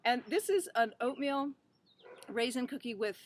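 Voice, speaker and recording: A woman's voice: fairly high pitch, expressive, normal speed, slight background noise. A woman hosting a casual interview, bubbly and enthusiastic. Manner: bubbly, enthusiastic, laughs often. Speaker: host.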